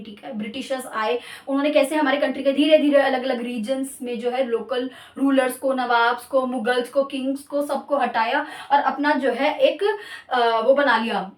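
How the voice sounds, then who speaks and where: A woman's voice: high-pitched, roomy sound, recorded from a distance. A woman teacher giving a recorded history lesson, explaining patiently and often checking in with "ठीक है". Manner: explains slowly, repeating points with "ठीक है".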